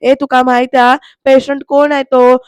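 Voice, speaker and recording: A woman voicing a hot-tempered male henchman who shouts aggressive demands. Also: high-pitched, little pitch movement, moderate pace, clear, resonant tone, dry recording, close to an everyday voice. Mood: angry.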